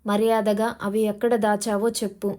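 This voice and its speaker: A woman's voice: medium pitch, flat delivery, normal speed, darkish tone, natural voice. A woman narrator voicing a menacing male gold smuggler boss, taunting and demanding, in an audio novel.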